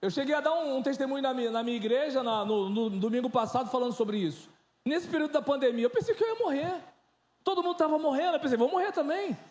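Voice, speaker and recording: Pastor, man in his 30s, very high voice, animated and joking, informal sermon in an echoey church. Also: quick pace. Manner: animated, joking, shifts into loud and soft.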